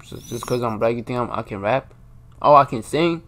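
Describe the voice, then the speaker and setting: A man's voice: medium pitch, a little fast, a bit bright. A man hosting random video chats, talking in slang with a mock-serious, teasing manner. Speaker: video chat host. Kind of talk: casual chat with strangers.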